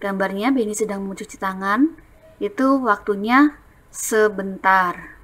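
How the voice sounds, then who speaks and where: A woman's voice: medium pitch, unhurried, a bit bright. A woman primary school teacher from Indonesia giving a recorded lesson to young children, explaining patiently and drawing out her words.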